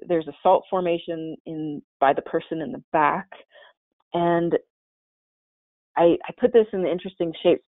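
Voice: mid-range voice, no room sound. A caver giving a casual, chatty slide-show presentation in a webinar, with many fillers and restarts. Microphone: webinar call mic. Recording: tinny, dry webinar call audio.

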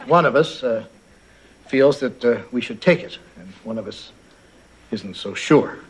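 A man's voice: medium pitch, expressive, unhurried, a little hiss or hum, rough recording. A man playing an uptight innkeeper who stammers and hesitates. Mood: hesitant.

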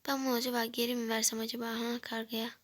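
A woman's voice: fairly high pitch, flat delivery, fast talker. A woman playing a hungry, stressed young diner. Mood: fretful. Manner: slips into hushed whispered asides to the viewers. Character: flustered young woman waiting for food at a restaurant, hungry and stressed. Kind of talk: toy role-play narration.

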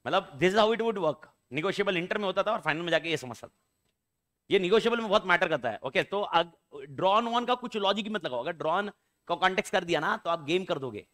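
A man with an Indian accent teaching law to a class, quizzing students with questions and reading English legal wording slowly between Hindi explanations. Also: high-pitched, lively intonation, fairly bright tone. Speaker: law lecturer. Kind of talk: classroom lecture.

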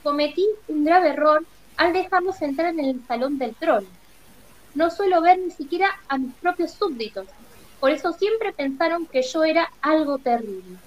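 A woman's voice: high voice, animated, normal speed, lo-fi sound, slight background noise. Storybook: a woman reading a timid old wizard man, nervous and begging. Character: frightened old male humbug wizard.

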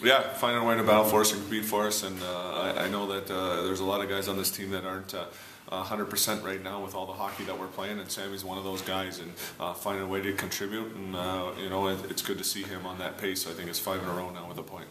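A low-voiced man in his thirties talks quickly and evenly, like a hockey coach breaking down a game. He stacks fillers and restarts as he goes. The sound is roomy and echoey, with steady locker-room noise behind him. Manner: fast, filler-heavy recap with frequent restarts. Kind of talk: post-game interview. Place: arena locker room, indoors.

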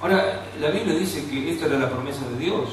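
A man preaching a sermon with a Rioplatense Argentine accent, moving between quiet storytelling and fervent, raised preaching. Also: on the high side, a little fast, noisy background. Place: church hall. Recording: echoey church hall, distant mic.

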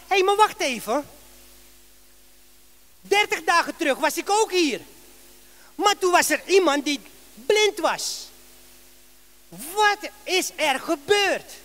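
Rich tax collector man, brisk, self-assured, very high voice, as a preacher plays him. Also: very animated, bright, forceful tone, exaggerated voice. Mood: puzzled.

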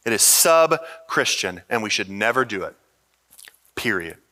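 A pastor preaching a sermon to his church in an earnest, conversational way, pausing often to talk straight to his listeners. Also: lowish voice, very animated, pushed and bright, in a large hall. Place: church stage.

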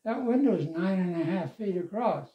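An elderly man telling stories of his life and church work in a relaxed interview, chuckling now and then, seated at home. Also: high voice. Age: older. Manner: slow, chuckling storyteller. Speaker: interviewee, longtime church member. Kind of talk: reminiscing interview. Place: living room, seated in armchair. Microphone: lavalier mic. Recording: roomy, slightly dull sound.

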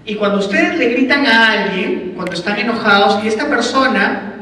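High-voiced man lecturing in an echoey hall. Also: lively intonation, moderate pace, bright, forceful tone, slight background noise. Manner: chatty, keeps asking the class rhetorical questions. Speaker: instructor. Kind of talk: classroom lecture. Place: lecture room. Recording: echoey hall, mic far off.

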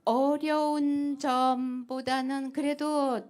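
A woman giving short, halting, casual answers in a live interview at an event. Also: high-pitched, flat delivery, a little mellow. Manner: hesitant, halting, brief answers. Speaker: market association secretary and shopkeeper.

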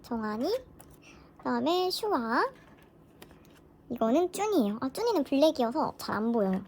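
Gushing, excitable woman fan vlogger. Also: sits high, moderate pace. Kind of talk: casual unboxing vlog.

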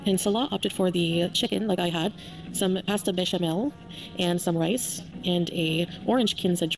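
A woman's voice: fairly low pitch, moderate pace, creaky. A woman narrating her own vlog in a chatty, gushing and enthusiastic voice-over. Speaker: vlogger. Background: background music.

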